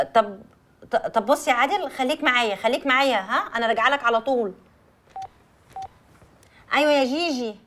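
A level-headed young best friend with an Egyptian Arabic accent and a fairly high voice. She talks in a teasing yet placating way, with faint film music under her lines. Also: fairly bright tone. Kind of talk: film drama acting. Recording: faint film score behind.

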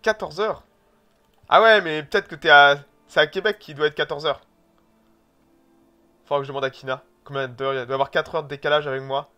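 A man hosting a live book-club stream, talking in a loud, excitable, casual way. His voice is bright and sharp, and sits a little high for a man. He swears offhandedly between remarks. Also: a little fast, pauses often, faint music behind. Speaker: stream host.

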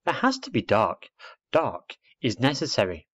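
A man's voice: medium pitch, big pitch swings, brisk, lo-fi sound, pitched above the performer's own voice. A man voicing a forthright, proud little schoolgirl who knows it all, in a children's storybook. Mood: emphatic.

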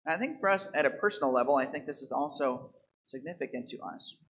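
Priest explaining scripture from a pulpit. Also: male voice, medium pitch, lively intonation, quick pace, a bit bright, poor audio. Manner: explanatory, asks the congregation rhetorical questions. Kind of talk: homily at daily Mass. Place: church sanctuary, at the pulpit. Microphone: pulpit microphone.

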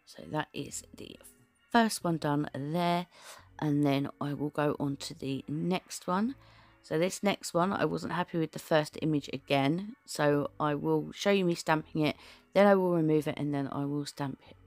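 A woman's voice: low-pitched, a little slow, a little mellow, no echo, soft background music. A woman giving a chatty, rambling voice-over for a nail art tutorial, full of fillers and restarts.

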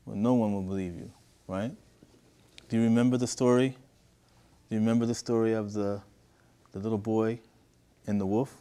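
An American man with a fairly low voice teaches a group of children through a story. He asks questions again and again and draws answers from them in a call-and-response style. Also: steady tone, normal speed, long pauses, dark tone, smooth.

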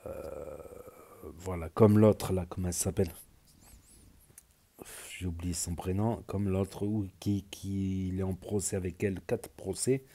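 Chill guy hosting a reaction vid, mellow voice, rambling with lots of fillers. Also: deep voice, level tone, measured pace, long pauses. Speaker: reaction channel host. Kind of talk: casual reaction commentary.

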